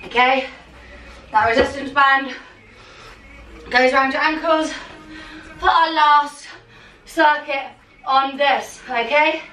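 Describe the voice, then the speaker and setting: A young woman with a high, bright voice coaches a workout in short commanding bursts, like a motivating gym coach. Her delivery is unhurried, with gaps between cues. She is recorded at a distance in a roomy living room. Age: young adult. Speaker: fitness coach leading a home workout. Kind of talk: workout instruction with countdowns and cheering on. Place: small home living and dining room. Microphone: camera a few metres away. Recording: roomy, distant mic, music underneath.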